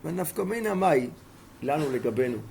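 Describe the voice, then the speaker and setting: Gravelly-voiced rabbi teaching emphatically. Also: male voice, fairly high pitch, lively intonation, darkish tone, slight background noise. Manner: emphatic, fires rhetorical questions at listeners. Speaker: rabbi teaching a Torah class. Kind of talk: Torah lesson with storytelling.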